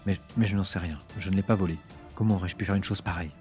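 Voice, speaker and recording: Man doing a young woman, indignant, stammering, voice lifted from a deep base, audiobook, faint music behind. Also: animated, fast talker, natural voice. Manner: indignant, stammering under pressure. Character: young woman, frightened accused researcher. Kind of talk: audiobook character voice.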